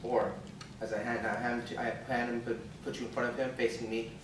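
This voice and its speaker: A man's voice: medium pitch, flat delivery, brisk, noisy background. A man playing a tabletop game, talking in a playful way and laughing often. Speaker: player. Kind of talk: tabletop role-play chat. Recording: echoey room from far off.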